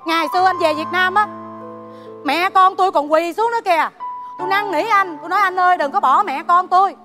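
A woman's voice: extremely high pitch, a little fast. A woman playing a wronged, estranged wife who reproaches her husband in a stage comedy sketch. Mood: reproachful. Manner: reproachful, accusing. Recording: stage with music underneath.

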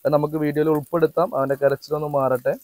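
A man's voice: on the high side, little pitch movement, rapid-fire, a little mellow, no room sound. A man doing casual vlog narration outdoors behind a house, chatty and talking straight to viewers with teasing asides. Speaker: family vlogger cooking.

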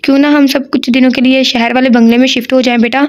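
Soft coaxing mom read by a woman, high steady voice. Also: fast talker, close to an everyday voice. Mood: soothing. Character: gentle mother soothing her daughter.

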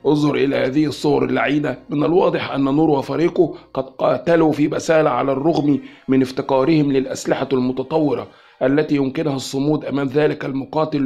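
A man's voice: lowish voice, dull audio, lightly acted. A man voicing a hot-tempered male scientist who speaks sharply and urgently. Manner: sharp and agitated.

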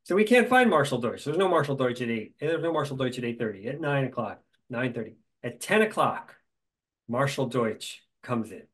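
A middle-aged man, a guest in a conversation, telling stories in a lively way with dry humor. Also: medium pitch, fairly quick, rough recording.

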